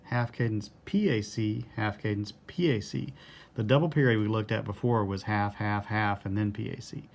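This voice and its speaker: A man's voice: fairly low pitch, normal speed, creaky. A man teaching music theory in a recorded lesson, patiently walking through a score step by step and counting the bars aloud.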